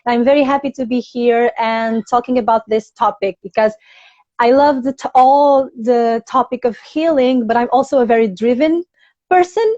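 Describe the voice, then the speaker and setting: High-voiced woman from portugal, healing coach on a live call, laughs a lot, kinda muffled audio. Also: normal speed, darkish tone, dry recording. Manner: bubbly, laughs often. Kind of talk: casual live-stream chat. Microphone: video call.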